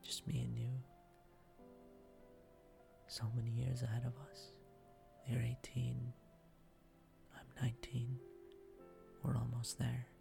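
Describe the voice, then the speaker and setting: A man whispering softly in an intimate, affectionate boyfriend roleplay for ASMR. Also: mid-range voice, completely flat delivery, slow, gravelly, long pauses, over music.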